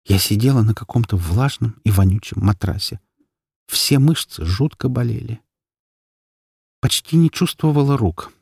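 A man narrating a novel in the first person in a steady, measured reading voice. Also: mid-range voice, creaky, slightly rough, no room sound, studio quality. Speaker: audiobook reader.

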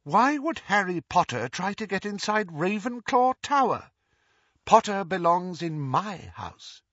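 A stern, older female professor whose words come out clipped and icily cold, in a male narrator's raised, lifted voice. Her tone is measured and sharp. The recording is dry and a touch dull. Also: fairly high pitch, huge pitch swings, no echo, voice pushed up, heavily acted.

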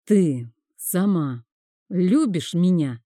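A woman voicing a reserved young duke who speaks haltingly, in an audiobook. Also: medium pitch, animated, mellow, dry recording, studio quality, close to an everyday voice. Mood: hesitant. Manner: hesitant, halting.

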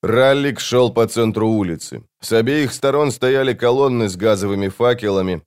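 Male fantasy audiobook narrator, lowish voice, measured and steady. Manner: measured storytelling delivery.

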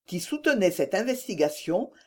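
A woman reading a classic novel aloud as an audiobook narrator, in a measured storytelling manner. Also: mid-range voice, big pitch swings, dark tone, husky. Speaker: audiobook reader.

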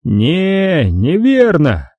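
A man reading an audiobook voices a huge, slow-witted monster doorman who barks single words. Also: on the high side, wildly swooping pitch, dry recording, muffled recording, voice pushed up, heavily acted. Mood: refusing. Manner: curt, barking single words.

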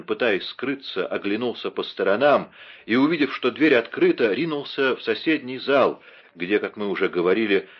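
Male audiobook narrator, lowish voice. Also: husky, lo-fi sound. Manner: dramatic, steady storytelling. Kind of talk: expressive literary reading.

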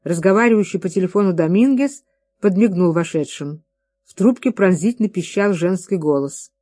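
A narrator reading a story aloud in a steady, even delivery. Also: medium pitch, normal speed, no room sound.

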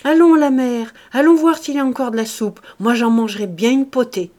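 A woman's voice: mid-range voice, lively intonation, moderate pace, breathy edge. A woman reading aloud, voicing a bluff middle-aged male farmer with rustic, repetitive speech. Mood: jovial.

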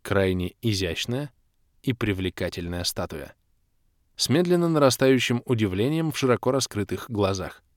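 A man narrates a first-person audiobook in a fairly low voice, wry and lively, slipping in dry jokes. The recording is close and completely dry, with no room echo. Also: moderate pace.

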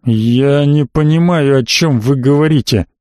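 A haughty middle-aged baron, icy and clipped, who blusters when cornered, as a male narrator plays him. The voice sits a little high for a man and sounds dry and close. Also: moderate pace, a little mellow, no echo, close to an everyday voice. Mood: angry, blustering.

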